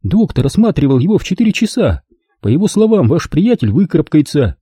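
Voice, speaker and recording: Casting note: soft-spoken polite nurse, raised pitch, husky tone, played by a male reader. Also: very animated, brisk, no room sound, clean studio sound. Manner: quiet and polite. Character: composed young female nurse. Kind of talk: audiobook character voice.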